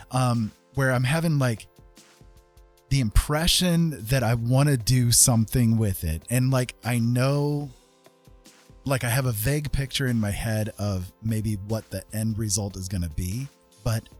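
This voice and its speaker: A man with a mid-range, darkish voice hosts a casual livestream as a digital artist, chatting while he paints. He rambles, is self-deprecating, and chuckles often, with music playing behind him.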